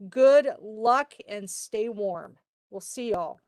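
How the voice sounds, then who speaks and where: A woman's voice: medium pitch, expressive, slow, a little mellow, no echo. A woman hosting a virtual club meeting, friendly and chatty, talking over a video call. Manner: friendly, chatty, says y'all.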